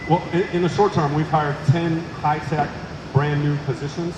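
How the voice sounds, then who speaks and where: A man from Oklahoma, a company executive, answering press questions with quick speech full of restarts and fillers. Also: on the high side, little pitch movement. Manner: fast, with many restarts and fillers. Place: inside a large warehouse. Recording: echoey warehouse with loud machine hum.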